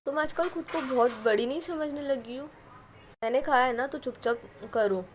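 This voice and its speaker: A woman's voice: high voice, moderate pace, slight background noise, pitched above the performer's own voice, close to an everyday voice. A woman playing a stern, scolding mother. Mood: angry. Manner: bossy, scolding.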